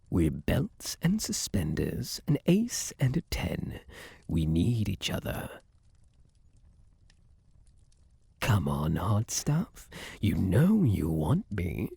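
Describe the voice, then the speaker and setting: A man's voice: on the low side, gravelly, mellow, slightly rough, dry recording, full character voice. A man playing a suave, possessive luck spirit in an ASMR roleplay, flirtatious and theatrical, teasing and coaxing with pet names, close on the mic. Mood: amorous, insistent.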